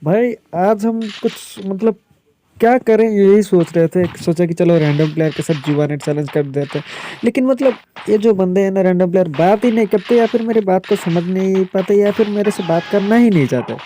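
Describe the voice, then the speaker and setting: Young male gaming streamer, excitable play-by-play, slightly high voice, faint noise under the recording. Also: brisk. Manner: excitable, frequent exclamations. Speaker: gaming YouTuber. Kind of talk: live gameplay commentary.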